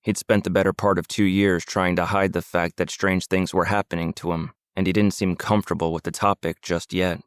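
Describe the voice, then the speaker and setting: A man narrating a supernatural mystery audiobook in a calm, even storytelling manner. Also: low voice, brisk, hardly any pauses, clear, resonant tone, dry recording, clean studio sound. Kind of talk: scripted narration.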